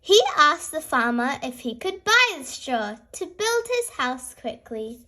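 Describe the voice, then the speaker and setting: A woman reading a storybook to small children in an animated fairy tale opening manner, as a host of story time. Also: high-pitched, measured pace.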